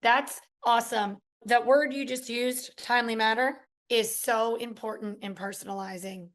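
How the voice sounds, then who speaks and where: A woman with a fairly high voice co-hosts a casual podcast. She explains in an upbeat, chatty way and slips into little acted-out quotes from customers. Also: steady tone, normal speed, fairly bright tone. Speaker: podcast co-host.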